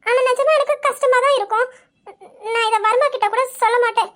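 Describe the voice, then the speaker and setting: A tender young daughter-in-law in a family audio drama, voiced by a woman. Her voice is very high and soft, and she speaks with tearful, pleading emotion. She sounds young and vulnerable. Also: steady tone, fairly quick. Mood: hurt.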